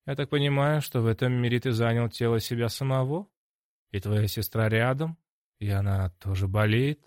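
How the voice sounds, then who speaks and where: A man's voice: medium pitch, moderate pace, darkish tone, dry recording, studio quality, lightly acted. A man voicing a small sardonic male demon that perches on the hero's shoulder, talking urgently. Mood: curious.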